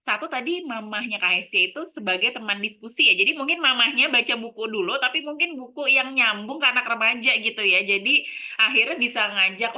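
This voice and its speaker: Woman moderator on a call, slightly high, muffled lo-fi sound, relaxed delivery. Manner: relaxed, filler-heavy. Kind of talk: moderating an online talk. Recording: dull lo-fi call audio.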